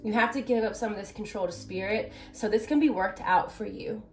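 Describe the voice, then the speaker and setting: A woman's voice: medium pitch, a little fast, darkish tone, soft background music. A woman giving a chatty tarot reading, talking straight to her viewers. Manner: chatty, addresses viewers directly. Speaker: tarot reader.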